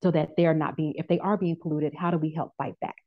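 A woman in her thirties, a podcast guest telling her career story in a casual chat, lively and acting out the voices of people she quotes. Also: low-pitched, fast talker. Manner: animated storyteller who acts out quoted voices. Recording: dull lo-fi audio.

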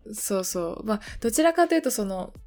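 A woman's voice: medium pitch, lively intonation, quick pace, a little mellow, faint music behind. A young woman in casual podcast chat, talking with many fillers and laughing now and then. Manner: chatty, many fillers, laughs while telling a story. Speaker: podcast co-host.

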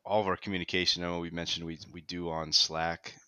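A man hosting a podcast, introducing his guest and asking questions in a relaxed, casual way. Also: deep voice, fast, clear, resonant tone, no room sound. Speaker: podcast host.

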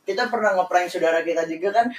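A young woman vlogging in casual chat, chatty and quick to laugh. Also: fairly low pitch, recorded from a distance, a little hiss or hum. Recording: roomy, from off the mic.

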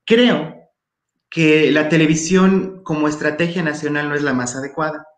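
A man with a Mexican Spanish accent appears as a guest in an interview about education, giving emphatic, opinionated answers and repeating his key phrases. His voice is fairly high-pitched and moves at a moderate pace, in an echoey room.

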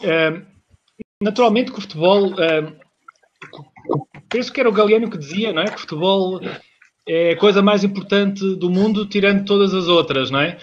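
Man with European Portuguese accent on a low quality stream. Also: normal speed, long pauses. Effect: low quality internet stream audio. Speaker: guest commentator. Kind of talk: casual online talk show chat. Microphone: video call. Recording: dull lo-fi streamed audio with faint noise.

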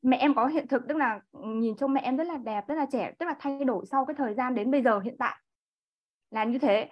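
High-voiced woman sharing on a video call. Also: brisk. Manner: chatty, frequent restarts and polite particles. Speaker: class participant. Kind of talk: sharing a personal story in an online class. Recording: dull lo-fi online call audio.

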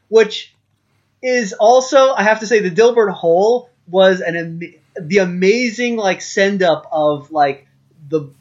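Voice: medium pitch, muffled recording. A podcast co-host talking casually and hesitantly, with many ums and a wry tone. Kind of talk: casual chat.

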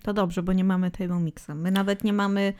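A woman's voice: mid-range voice, flat delivery, a little fast, a little mellow, clear, resonant tone. Woman in her 30s, podcast co-host, teasing and blunt, keeps cutting in. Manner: teasing, matter-of-fact, cuts in often. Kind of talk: casual chat.

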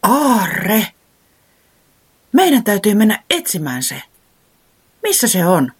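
A storyteller voicing an excited little owl in a children's storybook, speaking eagerly in rising questions. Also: medium pitch, voice pushed up. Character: excited little owl, a keen map reader.

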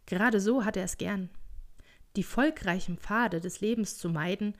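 A woman narrating a classic story as an audiobook, measured and expressive. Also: mid-range voice.

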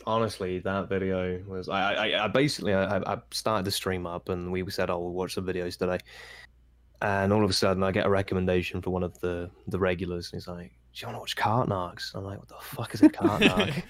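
A man's voice: low voice, brisk. A man, telling stories as a podcast guest with lots of eager restarts. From England. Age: 20s. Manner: eager storytelling with many restarts. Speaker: guest streamer. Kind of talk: casual podcast chat.

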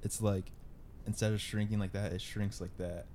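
Deep mellow-voiced young man, joking. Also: level tone, normal speed, a little hiss or hum. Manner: joking, argumentative, crude. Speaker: podcast co-host. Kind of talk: casual chat.

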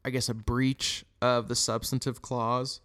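A man co-hosting a podcast, giving examples in casual chat with dry, teasing humor and fillers as he thinks out loud. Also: medium pitch, little pitch movement, a little slow. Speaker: podcast co-host.

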